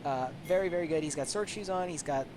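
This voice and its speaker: A man giving color commentary on a video game match, excitable and jokey, breaking into loud exclamations. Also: on the high side, fast, background noise. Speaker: esports co-commentator.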